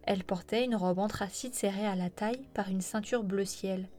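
A woman reading a novel aloud as a narrator, in a steady, even storytelling manner. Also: medium pitch, normal speed, soft background music. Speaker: audiobook narrator. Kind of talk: scripted narration.

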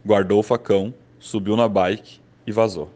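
A man's voice: lowish voice, fairly even intonation, moderate pace, warm tone. Rambling gaúcho man telling stories. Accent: southern Brazilian gaúcho. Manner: loose, rambling, lots of fillers. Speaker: storyteller. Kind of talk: casual anecdotal storytelling.

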